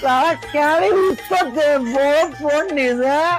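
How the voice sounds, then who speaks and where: A very high, cartoonish voice from a man acting as a quarrelsome town drunk. He taunts and challenges like a boozy know-all in a comedy skit, with music playing behind him. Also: unhurried. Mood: taunting. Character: argumentative town drunk man posing silly trick riddles.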